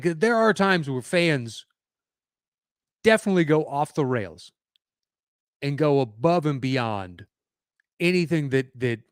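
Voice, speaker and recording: A man's voice: medium pitch, dry recording, clean studio sound. A man hosting a podcast, giving opinionated solo commentary in a conversational way with fillers and restarts. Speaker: podcast host.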